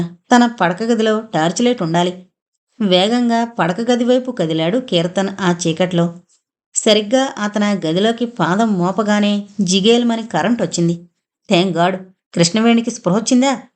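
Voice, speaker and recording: A woman reading a horror thriller audio novel aloud, in a steady, dramatic storytelling manner. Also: medium pitch, moderate pace. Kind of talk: scripted horror narration.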